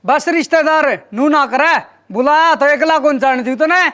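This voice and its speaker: Man as a very high-pitched blunt village brother-in-law. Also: moderate pace, a bit bright, soft background music. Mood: exasperated. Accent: Haryanvi. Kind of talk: village comedy sketch acting.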